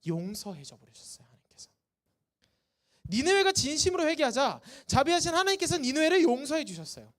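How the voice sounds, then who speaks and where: Lively woman preaching to teens. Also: high voice, a little fast. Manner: lively, asks the students questions and answers them. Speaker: youth group teacher. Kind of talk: sermon to teenagers. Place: church service.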